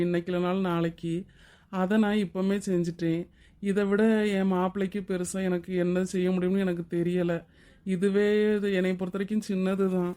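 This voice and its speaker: A woman's voice: medium pitch, lightly acted. A woman voicing a generous middle-aged cartoon husband. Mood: tender. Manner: warm, steady, reassuring. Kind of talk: Tamil cartoon drama voice acting.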